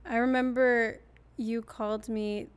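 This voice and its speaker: A young woman hosts a podcast in easy conversation, her voice a touch high. She tells stories with lively energy and acts out the other people's lines. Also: unhurried, smooth. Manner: lively storyteller, acts out quotes. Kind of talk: casual chat.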